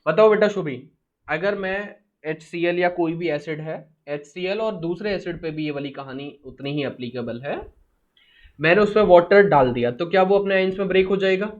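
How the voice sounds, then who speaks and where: High-voiced man teaching chemistry, lo-fi. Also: moderate pace. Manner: quizzes students, repeats key answers, mixes English terms. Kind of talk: live class lecture.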